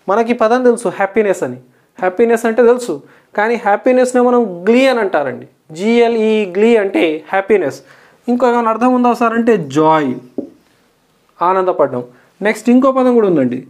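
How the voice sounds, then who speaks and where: A woman with a Telugu accent, a teacher who explains English words slowly, spells them out letter by letter and keeps checking that the class follows. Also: fairly high pitch, lively intonation, darkish tone. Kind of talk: recorded vocabulary lesson.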